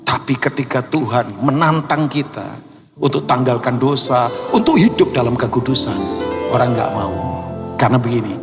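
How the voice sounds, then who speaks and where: A man preaching a sermon, animated, acting out dialogue and shouting for emphasis. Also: mid-range voice, normal speed, music in the background. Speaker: pastor. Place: large church hall. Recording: long church hall reverb.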